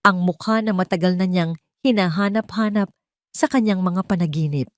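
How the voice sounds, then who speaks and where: Speaking at a moderate pace in a lowish voice, a Filipino-accented woman narrates a scripted romance with solemn melodrama. The storyteller's recording is dry and clean, studio grade.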